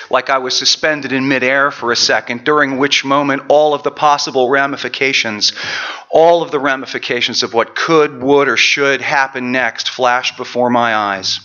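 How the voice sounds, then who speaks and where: Man, sermon, storytelling, self-mocking asides, bright voice, muffled low-fi sound. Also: normal speed. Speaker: preacher. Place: church.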